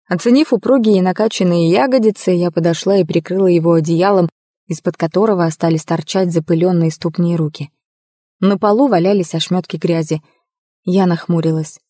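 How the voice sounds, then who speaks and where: A woman narrates a first-person story with expressive reading. Her voice sits a little low and sounds mellow and warm, recorded close and dry with no room sound. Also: no room sound. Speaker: audiobook narrator.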